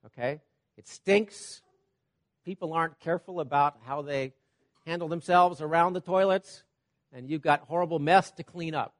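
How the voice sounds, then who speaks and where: At normal speed and a fairly high pitch, a preacher teaches through everyday examples in his sermon. His delivery shifts from loud emphasis to quiet asides, and he keeps asking "Okay?" to make sure listeners are following.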